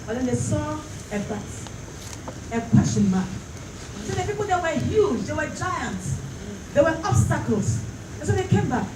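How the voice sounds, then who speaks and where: High-pitched woman preaching, echoey and distant. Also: big pitch swings, moderate pace. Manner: emphatic repetition, rhetorical questions to congregation. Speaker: pastor preaching. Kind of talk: fervent church sermon. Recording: roomy, distant mic, clearly noisy.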